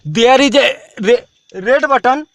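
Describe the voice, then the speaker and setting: A man with an Indian English accent talks in a strikingly high voice. He rambles and repeats himself in a halting, ranting home video monologue. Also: fairly bright tone, no room sound. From Tamil Nadu, India. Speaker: self-styled swami.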